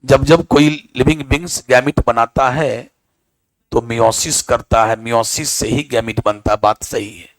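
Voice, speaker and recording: A man's voice: medium pitch, steady tone, a little slow, no room sound. A male teacher giving a classroom lecture, quizzing and scolding his students.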